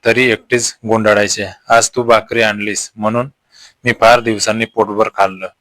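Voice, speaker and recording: A man voicing a lonely middle-aged woman who is fragile and guarded, speaking her lines softly. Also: lowish voice, flat delivery, moderate pace, dry recording, lightly acted. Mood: tender.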